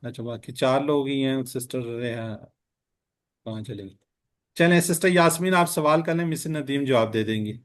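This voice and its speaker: A man teaching an online class, patiently quizzing his students with repeated questions over a video call. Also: medium pitch. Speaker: Quran and Arabic grammar teacher.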